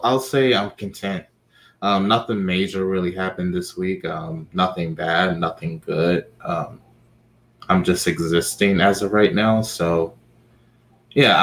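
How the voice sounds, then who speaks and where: A young man with a deep voice speaks casually on a panel. He is hesitant and slow, with faint noise in the background. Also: a bit bright. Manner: hesitant, halting. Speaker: podcast panelist. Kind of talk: casual chat.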